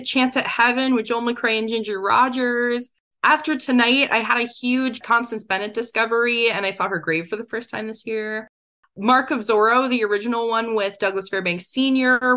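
A woman co-hosting a podcast in a casual chat. Her voice is bright and sits a little high, and she rattles eagerly through a list. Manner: enthusiastic, rapid list-reading. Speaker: podcast co-host.

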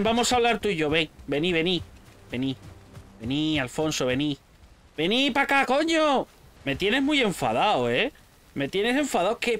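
A man with a Spain Spanish accent giving casual, excitable gameplay commentary, shouting at pets and swearing freely. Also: high voice, slight background noise. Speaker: gaming channel host.

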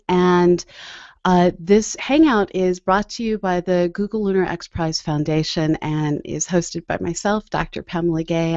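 A woman's voice: fairly low pitch, darkish tone, dry recording, muffled recording. A woman in her thirties hosting a video call interview from a home office, speaking into a desk microphone, friendly and with frequent fillers. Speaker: host. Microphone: desk microphone on a boom arm.

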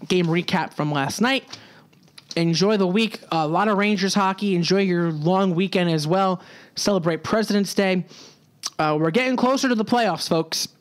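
A young man hosting his own solo hockey podcast, talking casually and throwing in sarcastic asides. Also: sits high. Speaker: podcast host.

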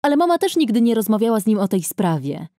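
Young woman, first-person story narration, lively pitch, mellow dark tone, dry close sound. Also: quick pace, dry recording.

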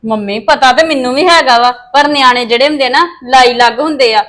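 A woman acts out a young wife in a homemade family drama, high-pitched and defensive. She pleads and argues back against blame. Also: a little fast, a bit bright. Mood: reassuring. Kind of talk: amateur family drama acting.

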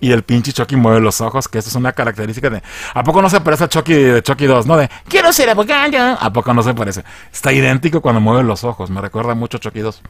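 A man giving a slangy, animated recap of a TV episode, acting out the lines in different voices. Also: mid-range voice, fast, no echo, clean studio sound. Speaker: video reviewer.

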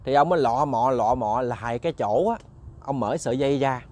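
A man's voice: medium pitch, fairly quick, darkish tone. A man with a Southern Vietnamese accent, hosting and casually telling a ghost story straight to his listeners, often repeating words as he searches for the next one. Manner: chatty, repeats words while searching, addresses listeners directly. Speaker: ghost story narrator, channel host.

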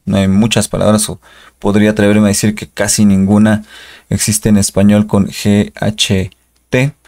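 A man's voice: on the low side, little pitch movement, moderate pace, darkish tone. A Spanish-speaking man giving an English pronunciation lesson, patiently repeating each model word. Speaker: English teacher.

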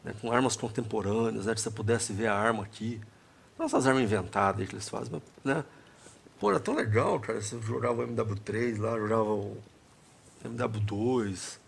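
A man's voice: fairly low pitch, brisk, gravelly. A man with a Brazilian accent giving casual, rambling, slangy commentary over a video game. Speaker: gaming commentator. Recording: very noisy, clicking in background.

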